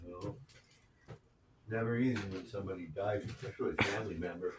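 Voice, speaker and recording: Low voiced older guy, answers short and plain, lots of noise in the background. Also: fairly even intonation, brisk. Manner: brief, matter-of-fact replies. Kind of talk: casual chat.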